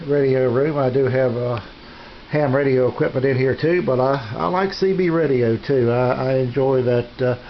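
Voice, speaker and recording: Recorded on a handheld camera's built-in mic, the sound is dull and lo-fi, with faint background noise. In his small home radio room, a man of middle age or older shows off his radio gear in an unscripted, casual way. He speaks in a mid-range voice, hesitant and folksy, working out each sentence as he goes.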